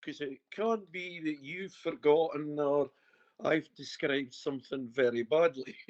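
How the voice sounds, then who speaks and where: Man, broad Scottish accent, slightly high voice, informal bantering medium, casual consultation, dry but muffled recording. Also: a little slow, no room sound. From Scotland. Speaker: spirit medium giving a private reading. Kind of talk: casual chatty one-to-one consultation. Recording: dull, muffled lo-fi sound.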